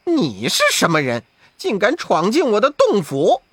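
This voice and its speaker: A man's voice: sits high, wildly swooping pitch, slow, a bit bright, dry recording, voice pushed up, exaggerated voice. A man voicing an arrogant impostor monkey king, sneering and cocky, in a storybook reading.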